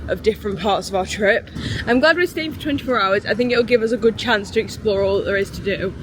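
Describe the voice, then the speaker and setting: Girl rambling on about her day, upbeat vlog chat, loud street noise all around. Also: medium pitch, fast. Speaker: travel vlogger. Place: outdoors in a city street and a small hotel bathroom. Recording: noisy outdoor street recording.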